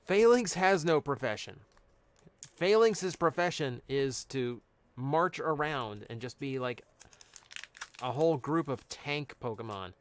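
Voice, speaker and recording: A man's voice: mid-range voice, lively intonation, measured pace. Chatty man opening card packs. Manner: chatty, reads out cards, answers chat. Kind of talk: casual live-stream chat.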